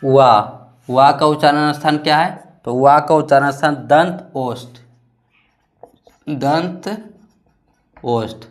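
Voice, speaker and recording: A man's voice: on the high side, slow, pauses often. A male teacher with a Bihari Hindi accent giving a grammar lesson, drawing out syllables to demonstrate them and answering his own questions.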